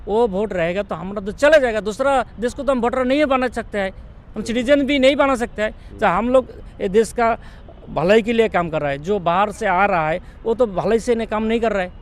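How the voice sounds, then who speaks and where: High-voiced man, halting street interview. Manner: plain, halting, repeats himself.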